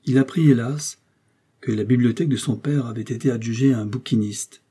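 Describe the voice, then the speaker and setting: A man reading a classic short story aloud in a measured, expressive way. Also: mid-range voice, breathy edge. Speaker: audiobook reader.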